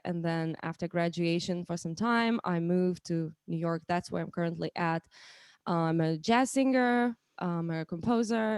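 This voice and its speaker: A woman's voice: lowish voice, a little mellow, no echo, studio quality. Chatty Lithuanian-accented woman host. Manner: chatty, with frequent restarts and fillers. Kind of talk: casual live-stream chat.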